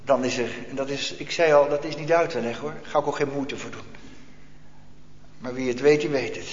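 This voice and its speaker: A man preaching a sermon with fervor, swinging between loud outbursts and hushed passages. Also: medium pitch, brisk, slight background noise. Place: church. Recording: echoey church hall, dull lo-fi.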